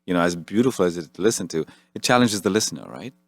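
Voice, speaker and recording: A man with a very deep voice leads an interview with a relaxed, friendly manner. The sound is dry and close, with no room in it. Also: quick pace, no room sound. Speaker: radio host. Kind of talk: interview hosting.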